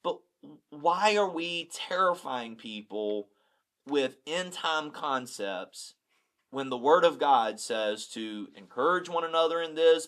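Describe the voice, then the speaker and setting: A middle-aged pastor chats in a casual podcast, candid, blunt and self-deprecating, often repeating words as he starts a thought. His voice is fairly high and fairly bright.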